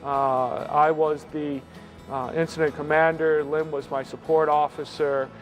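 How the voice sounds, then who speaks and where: A man's voice: fairly high pitch, level tone, unhurried. A man, a fire incident commander, talking through an after-action debrief in explanatory trade jargon. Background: faint music.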